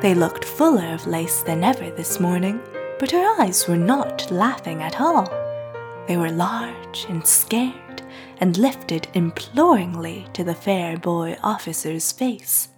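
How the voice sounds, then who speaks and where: A woman narrating a classic novel in a soft, hushed reading voice. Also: fairly low pitch, lively intonation, slow, over music. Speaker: audiobook narrator.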